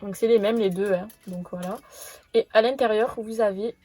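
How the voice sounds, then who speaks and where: A woman's voice: medium pitch, steady tone, moderate pace, dark tone. A young woman presenting beauty products in a casual haul video, rambling with many fillers and restarts. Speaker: beauty vlogger.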